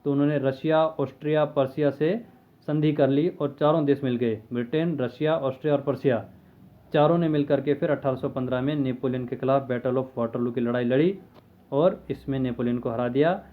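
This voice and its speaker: A man's voice: mid-range voice, fairly even intonation, a little fast. A man teaching a history lesson in a conversational way, asking questions and answering them himself. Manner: conversational, asks and answers his own questions. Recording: tinny phone-like lo-fi audio.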